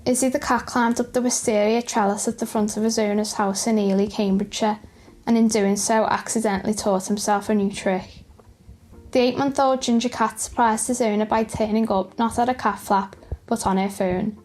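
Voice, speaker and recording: A woman's voice: a little high, fairly even intonation, moderate pace, a little mellow. A woman reading scripted narration for light news video clips. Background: music.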